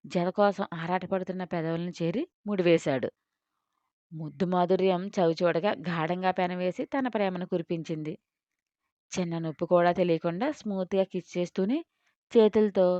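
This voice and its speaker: A woman reading a romantic audio story aloud in a soft, intimate narrating voice. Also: on the low side, no echo, muffled recording.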